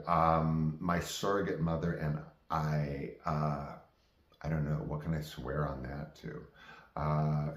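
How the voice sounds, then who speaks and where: A man in his fifties reminisces casually as a vlog host, halting and digressing as he goes. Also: sits low. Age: 50s. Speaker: vlog host telling personal stories. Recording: roomy, echoing sound.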